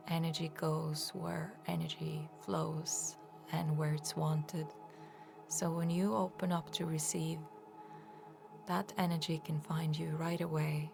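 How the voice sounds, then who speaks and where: An energy healer guides a meditation, her voice sitting low. She speaks softly, soothingly, and without hurry, letting her phrases end on a breath.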